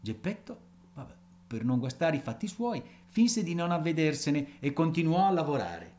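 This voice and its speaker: A man reading a classic storybook aloud in an expressive way, with small ad-libs and chuckles. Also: a little high, moderate pace. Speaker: audiobook reader.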